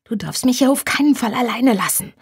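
A woman's voice: on the high side, lively intonation, a little fast, breathy edge, dry recording, clean studio sound, exaggerated voice. A woman voicing a young man who hisses an urgent plea.

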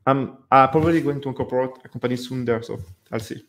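With a fairly bright, medium-pitched voice and a quick pace, a man in his thirties runs a live webcam Q&A for viewers. His talk is casual and peppered with fillers and restarts. He's recorded in a dim room indoors on a headset or desk mic, in webcam framing.

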